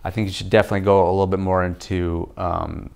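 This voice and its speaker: Filmed from the chest up in a home kitchen, a young vlogger talks directly to the camera while reviewing a book. His deep, low voice is a little mellow with vocal fry and barely moves in pitch. His explanations are casual and loose, with easy pauses and repeated "okay?" check-ins.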